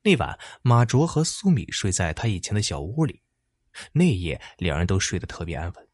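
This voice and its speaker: A man's voice: low-pitched, big pitch swings, normal speed, darkish tone, no room sound. A man narrating a story dramatically, stretching out little particles between phrases.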